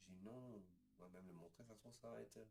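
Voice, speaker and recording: A warm, creaky, lowish voice moves at a quick pace as a man in his fifties chats about his record collection. He's hesitant and rambling, tying each item to the next with "voilà," "ensuite," and plenty of other fillers, all in an echoing room.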